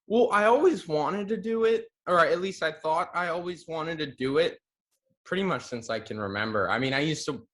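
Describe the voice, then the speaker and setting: A young man from Hawaii talking as an actor guest, relaxed and chatty with casual slang. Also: on the high side, moderate pace. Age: young adult. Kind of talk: casual interview answers.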